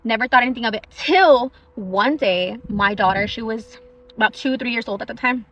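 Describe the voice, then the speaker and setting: A young woman in a parked car telling a true story in a chatty, animated way, eating on her lunch break. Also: a little high, normal speed, low-quality recording. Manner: chatty and animated, eating while she talks. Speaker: social media storyteller.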